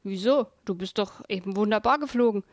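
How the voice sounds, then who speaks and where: A woman voicing a calm, deadpan male owl who teases his friend in a dry way. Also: mid-range voice, a little fast, no room sound, close to an everyday voice.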